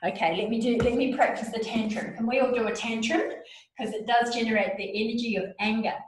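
A woman teaching a yoga lesson to young children, talking softly and encouragingly, with breathy sighs during breathing exercises. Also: on the high side, steady tone, brisk. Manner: soft, encouraging, coaxing. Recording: very echoey room.

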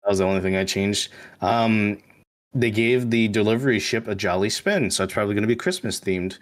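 A man's voice: fairly low pitch, fairly quick. A man chatting casually and commenting as he streams a video game. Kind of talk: casual gaming chat and commentary.

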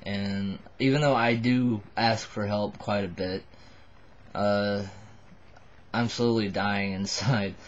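A man in his twenties, a little drunk, giving a halting, rambling, casual confessional to the camera. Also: lowish voice, fairly even intonation. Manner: tipsy, buzzed, halting and rambling. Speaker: vlogger addressing subscribers. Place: small wood-panelled bedroom indoors. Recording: dull lo-fi webcam audio.

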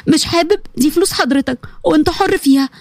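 A woman's voice: high-pitched, racing, darkish tone, no echo, studio quality. A woman voicing a poor young university student with an Egyptian accent, polite, hurt and pleading.

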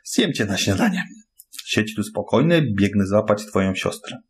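Storybook villain: a boastful male wolf, husky and gloating, put on by a male reader. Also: on the low side, sing-song, moderate pace, full character voice. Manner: gloating, growling.

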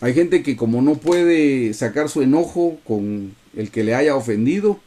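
Man, Bible study teacher on a video call. Mellow, earnest, calls listeners brothers. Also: medium pitch, animated, measured pace.

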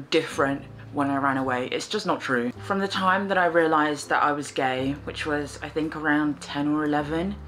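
A soft-spoken young woman talks to camera from her sofa in a low, gentle voice. She sounds reflective and low-key, sharing personal thoughts as she knits. Faint music plays underneath. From England. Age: 20s. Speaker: fibre artist and vlogger. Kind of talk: casual chat to camera while knitting. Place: small living room, indoors, on a sofa.

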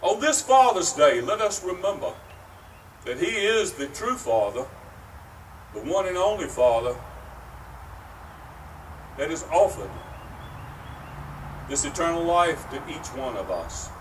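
Slow, earnest middle-aged preacher outdoors. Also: male voice, on the high side, big pitch swings. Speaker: pastor. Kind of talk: sermon. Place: outdoors by a brick church. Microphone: far camera, at a wooden pulpit. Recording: distant outdoor mic, faint noise.

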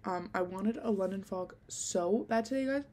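A young adult woman hosts a podcast from a dim bedroom, chatting casually into a handheld desk mic held close to her mouth and rambling with plenty of ums and likes. Her voice is mid-range with a dark tone, moderately paced, and slightly nasal because she's sick.

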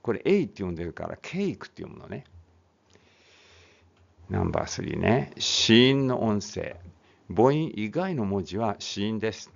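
A man's voice: fairly low pitch, sing-song, moderate pace, gravelly. A man teaching English phonics, reading a text aloud and then explaining it casually, often correcting himself. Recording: dull lo-fi recording.

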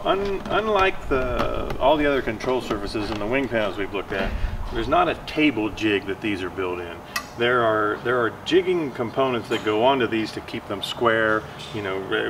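A man's voice: on the low side, far from the mic. An older man giving a factory tour of aircraft kits in a hangar, explaining with many fillers and restarts. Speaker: aircraft kit manufacturer. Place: large aircraft workshop hangar. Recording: noisy hangar background.

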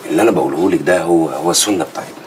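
A man's voice: low voice, rapid-fire, slight background noise, natural voice. An actor with an Egyptian accent playing a pious man who lectures his sister on religious rules. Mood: preachy. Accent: Egyptian Arabic. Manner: preachy, lecturing. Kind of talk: Egyptian TV drama acting.

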